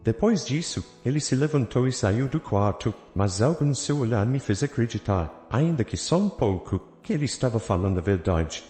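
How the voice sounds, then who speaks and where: Narrador masculino de história, voz suave e grave, lê com entonação bem variada em sala com eco e violão ao fundo. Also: male voice, medium pitch, lively intonation, moderate pace, hardly any pauses. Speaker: storyteller. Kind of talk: scripted first-person narration. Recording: roomy reverb with soft guitar music. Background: soft guitar music.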